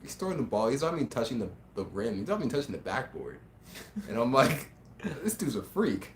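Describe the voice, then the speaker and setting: A man's voice: medium pitch, big pitch swings, brisk. A man co-hosting a podcast with casual, slangy banter and joking storytelling. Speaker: podcast co-host. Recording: echoey room, faint noise.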